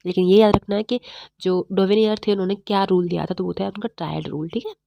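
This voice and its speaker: A woman teaching chemistry in a fast, repetitive exam-prep lecture, slightly unwell. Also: medium pitch, steady tone, creaky, warm tone, no echo. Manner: fast-talking, repetitive quizzing of students.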